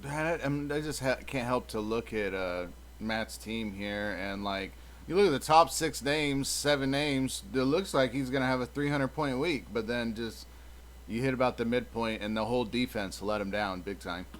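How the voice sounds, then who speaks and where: A man's voice: mid-range voice, moderate pace. A young man hosting a casual fantasy football chat, easygoing as he moves from segment to segment. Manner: easygoing, leads segments with set prompts. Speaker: fantasy football show host.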